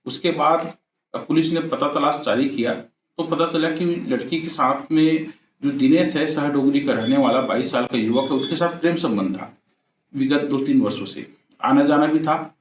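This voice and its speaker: Middle-aged male police officer at a press briefing: measured, halting delivery, slightly high voice, distant mic in an echoey space. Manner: measured, halting account with frequent pauses. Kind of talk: press statement. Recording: echoey, distant mic, faint background noise.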